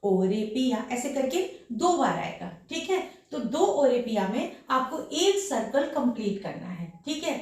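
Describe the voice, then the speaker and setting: A woman with a slightly hoarse voice from a sore throat leads a dance lesson, counting beats aloud as she shows each step. Her voice sits a bit high and reaches the mic from across a very echoey room. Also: big pitch swings, unhurried, few pauses, far from the mic. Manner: counts beats aloud while demonstrating moves. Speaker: dance teacher.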